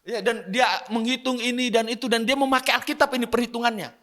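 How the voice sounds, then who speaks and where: A man's voice: very high-pitched, fairly even intonation, fast talker, a bit bright. A man interpreting a sermon live, relaying each phrase promptly with small fillers.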